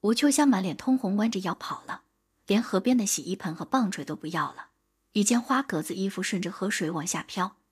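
A woman narrating an audiobook in a steady, measured storytelling manner. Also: medium pitch, slightly rough.

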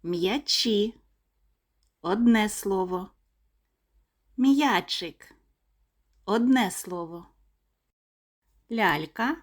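Woman, kindergarten teacher, very slow and clear, melodic rise and fall. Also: mid-range voice. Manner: clear, deliberate word-by-word pronunciation. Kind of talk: slow, sing-song lesson for small children.

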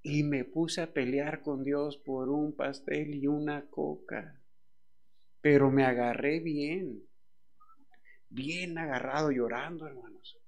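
A middle-aged man preaches. His voice sits somewhat high for a man, and his storytelling swings between quiet, confessional passages and loud, emphatic lines. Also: steady tone, slow, gravelly, muffled recording. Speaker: pastor. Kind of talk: sermon with personal story.

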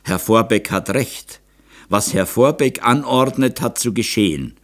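A man voicing a spirited young countess who gives brisk, decisive orders. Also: mid-range voice, sing-song, fairly bright tone, pitched above the performer's own voice. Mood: commanding.

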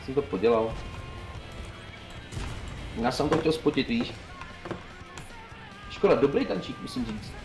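A young man streams a tank game and jokes through it, calling out moves to his squad in a quick, easy way. His voice sits in a roomy space with clear game music playing behind him. His pitch is in the middle range for a man. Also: animated. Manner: quick, joking, calls out moves to teammates. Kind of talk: casual gaming chat.

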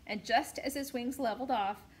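A woman teacher reading a children's novel aloud to her class, expressive, with small slips now and then. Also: a little high, moderate pace. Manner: expressive read-aloud with occasional slips and throat clearing.

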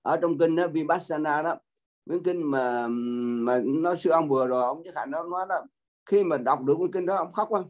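An older man gives a Buddhist dharma talk with a slightly high voice. He talks in a homely, repetitive way and keeps turning straight to his listeners. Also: fairly quick. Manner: folksy, repetitive, addresses listeners directly. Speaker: Buddhist monk teacher.

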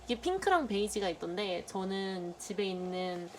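A woman's voice: medium pitch, big pitch swings, moderate pace. Chatty young woman unboxing, noisy background. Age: young adult. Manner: chatty, playful, muttering softly while handling items. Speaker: vlogger. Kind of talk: unboxing vlog narration. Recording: loud background noise.

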